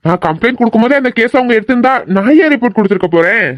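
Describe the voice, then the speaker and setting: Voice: medium pitch, lively intonation, no room sound, dull audio, close to an everyday voice. A performer voicing a headstrong, defiant young male doctor who speaks assertively. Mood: firm. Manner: assertive, quick. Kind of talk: audio drama acting.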